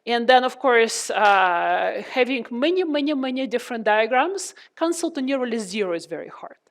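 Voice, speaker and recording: Woman lecturer talking thru a face mask, kinda high muffled voice, asks the class questions. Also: lively intonation, moderate pace. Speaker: physics lecturer. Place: lecture room.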